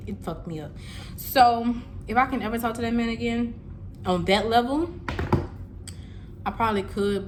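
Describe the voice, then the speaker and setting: A young woman telling a casual storytime vlog, animated and laughing as she talks straight to her viewers. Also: on the low side, background noise. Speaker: vlogger.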